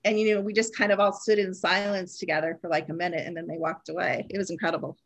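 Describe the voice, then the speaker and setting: A woman's voice: fairly low pitch, flat delivery, fast talker, gravelly. A woman, a guest on a podcast, telling a story in an awed, breathless way with lots of "like"s. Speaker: podcast guest, energy healer. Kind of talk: casual interview chat.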